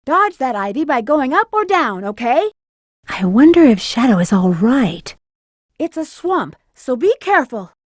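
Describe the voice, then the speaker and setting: A woman's voice: sits high, sing-song, a little slow, no room sound, studio quality, exaggerated voice. A woman voicing a flirty, sassy female bat treasure hunter in a video game, with a confident, teasing manner. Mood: curious.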